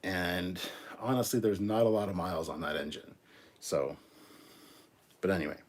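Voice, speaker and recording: Husky low-voiced man in his forties chatting. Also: normal speed. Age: 40s. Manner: rambling, relaxed, many ums and restarts. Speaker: live stream host. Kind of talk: casual live-stream chat reading viewer comments.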